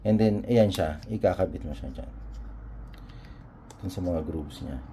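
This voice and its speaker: This unscripted review comes from a Filipino motorcycle vlogger presenting a product, switching between English and Tagalog and pausing to find his words. He speaks low and unhurried, against noticeable background noise and room ambience.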